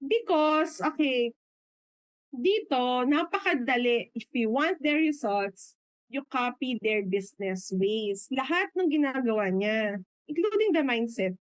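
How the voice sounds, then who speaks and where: A woman's voice: high voice, expressive, slow pace, dry recording. A middle-aged Filipino woman giving a motivational business talk. She mixes in English, laughs often, and acts out quoted people. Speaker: business mentor.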